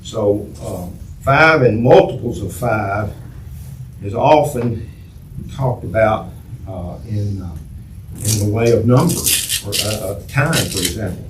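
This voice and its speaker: A man's voice: lowish voice, animated, slow pace. A man teaching a church Bible class in a conversational way, repeating himself and asking the class questions. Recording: echoey room from far off, faint noise.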